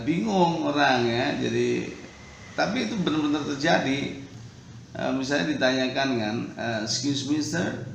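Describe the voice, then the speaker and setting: Gravelly teacher, echoey room. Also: male voice, mid-range voice. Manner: models English phrases slowly, then explains in Indonesian. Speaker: English teacher. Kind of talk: casual spoken English lesson. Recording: echoey room with faint ambient noise.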